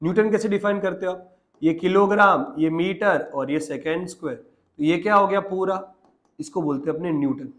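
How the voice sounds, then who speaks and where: A man's voice: high-pitched, moderate pace, a bit bright. A man teaching a physics lesson online, coaxing the class along and asking check questions as he works through units. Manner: coaxing, asks the class check questions, mixes English terms into Hindi.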